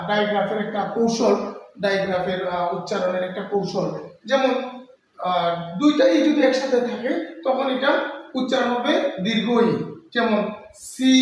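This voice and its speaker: A man explaining a lesson as a teacher, halting often with filler sounds and restarting his phrases. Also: sits high, a little hiss or hum. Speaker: English teacher. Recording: far-off echoey room with faint ambience.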